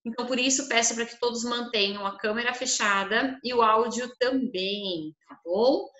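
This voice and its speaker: A woman's voice: fairly high pitch, normal speed, a bit bright, echoey room. A woman hosting a live video stream, welcoming viewers and introducing a guest speaker. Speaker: host, event organizer.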